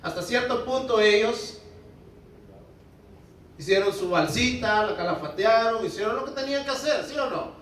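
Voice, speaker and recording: A man's voice: sits high, animated, moderate pace, long pauses, a bit bright, very echoey, distant mic, a little hiss or hum, poor audio. A male pastor preaching a sermon in a conversational way, often asking the congregation to respond. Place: church hall.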